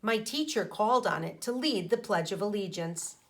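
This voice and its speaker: A woman elementary school teacher, medium-pitched with lively intonation, reads from a children's book. She frequently steps in to explain and pauses to question her young audience, keeping things didactic.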